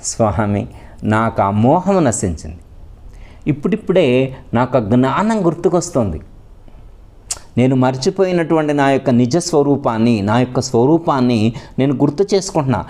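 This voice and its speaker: A man voicing a humbled young warrior prince who speaks softly and reverently. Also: mid-range voice, animated, normal speed, pauses often, lightly acted.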